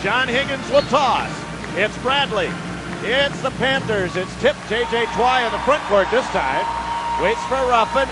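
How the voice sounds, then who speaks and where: A man announcing a college basketball game play-by-play, calling the action in rapid, clipped bursts. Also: very high voice, expressive, very noisy. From Midwest US.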